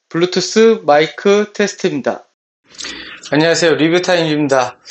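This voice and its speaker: A man's voice: high-pitched, a bit bright. A middle-aged man presenting a product test in set, repeated announcing phrases, recorded on Bluetooth headset microphones. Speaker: product reviewer and host. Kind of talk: scripted-style product test presentation to camera. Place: plain small room indoors. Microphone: various Bluetooth earphone and neckband mics.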